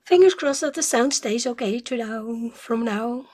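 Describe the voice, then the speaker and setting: A woman with a slightly high, husky voice chats casually as she colours on a livestream. Her remarks are unhurried and tend to trail off into a murmur. A pencil scratches on paper as she talks. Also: darkish tone. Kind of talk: casual livestream chat while drawing. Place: indoors at a drawing desk. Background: pencil scratching on rough paper.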